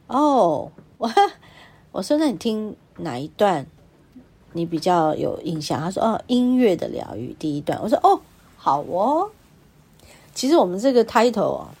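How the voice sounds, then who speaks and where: Solo podcast host, middle-aged woman with a Taiwanese Mandarin accent, chatty, laughs a lot, slightly low, husky voice. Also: darkish tone. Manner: chatty, laughs often, acts out quoted dialogue. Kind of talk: casual solo podcast chat. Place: home.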